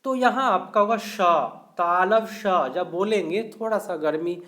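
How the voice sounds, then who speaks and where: Man, teacher, live online class, high voice, unhurried, explains step by step. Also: a bit bright. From India. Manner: slow, explains each answer step by step.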